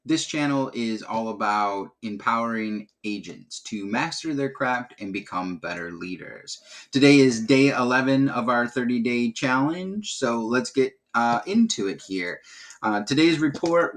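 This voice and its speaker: A man talking casually in a video diary about his sales work, relaxed and conversational with frequent filler words, recorded in a spare room at home. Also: medium pitch, measured pace. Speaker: insurance telesales agent.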